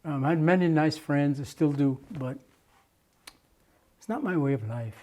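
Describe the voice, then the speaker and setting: A man's voice: fairly high pitch, moderate pace, dark tone. An older man from Jamaica, a muralist, recalling his past at length in an oral history interview, with many restarts and fillers.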